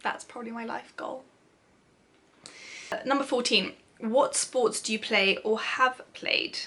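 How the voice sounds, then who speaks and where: A young British woman vlogs to camera, working through a question list in a self-deprecating, giggly way. Her voice runs on the high side, unhurried, with a pushed, bright quality.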